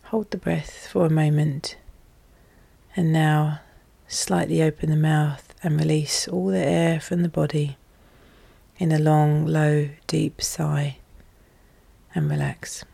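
A podcast host guiding relaxation in a calm, soothing, soft and hushed voice, with measured, deliberate phrasing. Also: medium pitch, gravelly, breathy edge, no room sound. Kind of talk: slow, soothing guided hypnosis narration.

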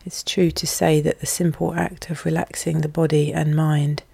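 A podcast host guiding relaxation in a calm, soothing, soft and hushed voice, with measured, deliberate phrasing. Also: mid-range voice, vocal fry, breathy edge, no echo. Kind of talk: slow, soothing guided hypnosis narration.

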